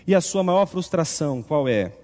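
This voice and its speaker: A man preaching a sermon in an animated, rhetorical way, acting out the voices he quotes. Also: fairly high pitch, moderate pace. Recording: long reverb.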